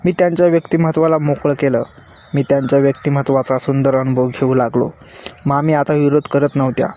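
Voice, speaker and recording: A man narrating a story in the first person, in a steady scripted storytelling manner. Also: mid-range voice, quick pace, muffled recording.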